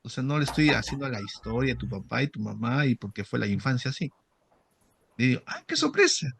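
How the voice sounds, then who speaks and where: A man's voice: medium pitch, quick pace, creaky, a little hiss or hum. A middle-aged man, a psychoanalyst who explains cases in an interview and acts out the dialogue of his sessions. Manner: animated storytelling, acts out dialogue with patients. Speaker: psychoanalyst guest.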